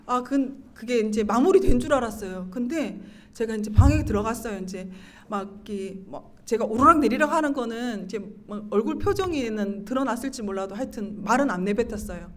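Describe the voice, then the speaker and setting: High-pitched woman giving an emotional testimony. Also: brisk. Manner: animated storytelling, acting out her own quoted lines, laughing and tearful at times. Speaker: church deaconess giving a testimony.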